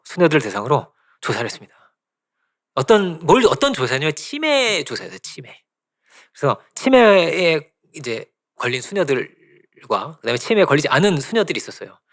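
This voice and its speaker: A middle-aged man preaching a sermon as pastor, animated, often checking in with the congregation and acting out quoted voices. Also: fairly high pitch. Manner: animated preaching with frequent tag questions to the congregation. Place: church sanctuary.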